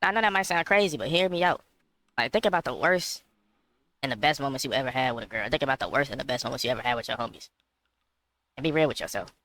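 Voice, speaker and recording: Fast-talking deadpan skit comedian, a man. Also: medium pitch, no echo. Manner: mock-serious, insistent.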